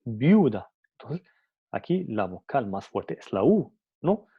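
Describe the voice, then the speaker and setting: A man's voice: medium pitch, sing-song, a little slow, creaky, breathy edge, dull audio. A man teaching a spoken phonetics lesson, hesitant and full of fillers and restarts, sounding out example syllables.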